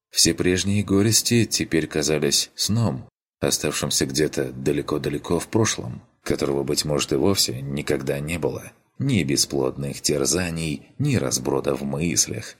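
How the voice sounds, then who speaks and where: A man narrating an audiobook in a measured, even storytelling manner. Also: rumbling low, breathy edge. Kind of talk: scripted narration.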